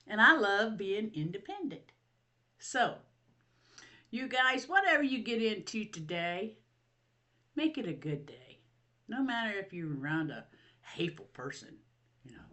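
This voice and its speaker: An older woman from Ohio hosts a vlog, chatting casually to the camera from her home. Her voice is lowish and sharp, and she rambles happily, laughing often and poking fun at herself.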